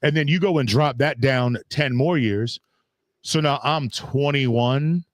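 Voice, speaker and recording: Casting: fifties male co-host, meandering casual delivery, mid-pitched voice, dry close recording. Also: slow, dry recording. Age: 50s. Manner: rambling, many fillers and restarts. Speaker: podcast co-host. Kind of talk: casual chat.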